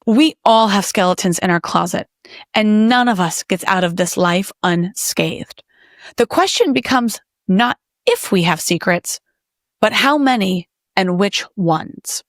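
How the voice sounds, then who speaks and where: A woman hosts a podcast in a mid-range voice and asks her guest gentle questions. Between questions she reads reflective narration in an earnest tone. Her voice is recorded close and dry. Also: mid-range voice, animated, unhurried, no room sound. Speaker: podcast host. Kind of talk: interview and scripted narration.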